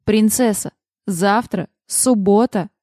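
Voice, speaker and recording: A woman's voice: mid-range voice, moderate pace, mellow, dry recording, natural voice. A woman voicing a self-assured male boss with a mocking, dry and commanding manner, as an audiobook character.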